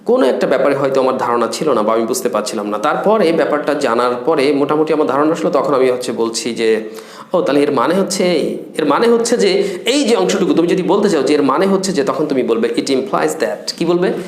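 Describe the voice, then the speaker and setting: Lively Bengali-speaking male English teacher. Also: fairly high pitch, roomy sound. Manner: repeats English phrases slowly and carefully, lively teacherly talk. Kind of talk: spoken English lesson.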